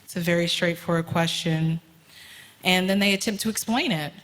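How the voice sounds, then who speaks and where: A woman on a panel, expressive and laughing often as she tells anecdotes. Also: on the low side, moderate pace.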